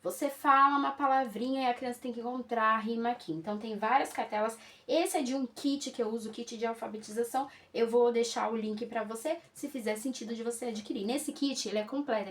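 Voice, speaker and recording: A woman pedagogue teaching parents how to start children reading, in a casual, lively way with frequent check-ins and playful sing-song examples. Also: fairly high pitch. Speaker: pedagogue and literacy educator.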